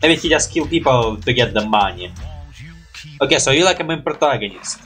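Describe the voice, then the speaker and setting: A young adult reaction video host talks in a mid-range, fairly quick, somewhat bright voice full of animation. Sitting in a small room at home, he casually reacts to animations with rambling, hesitant non-native English and habitual mild swearing, faint music behind him.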